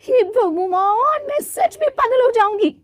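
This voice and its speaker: Brief: a woman playing a cheeky young city bride, high, swooping cartoon voice, quick to take offence. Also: animated, no echo, studio quality. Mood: indignant. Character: brash young city daughter-in-law, fashion-proud.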